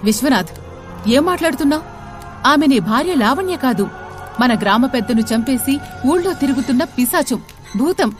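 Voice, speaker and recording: A woman's voice: high-pitched, animated, moderate pace, long pauses, soft background music, voice pushed up. A woman voicing an angry male temple priest who accuses and questions.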